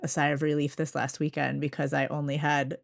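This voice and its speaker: Low, gravelly-voiced woman hosting a podcast. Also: flat delivery. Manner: quick, chatty, laughs often. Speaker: podcast host. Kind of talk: casual interview chat.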